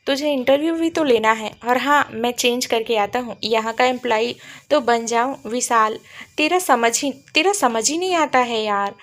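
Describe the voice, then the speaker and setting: A woman narrating a romantic love story, reading every character's lines in her own voice and slowing softly at tender moments. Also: a little high. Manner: reads all the characters' lines in her own voice, slow and soft at tender apologies.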